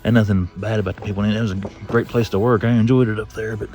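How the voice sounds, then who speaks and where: A middle-aged toy collector with a Southern drawl walks store aisles hunting for toys for his casual walk-through vlog. His voice is lowish and fairly even, and he talks very fast over a noisy background, chatting and rambling to himself as he browses the shelves.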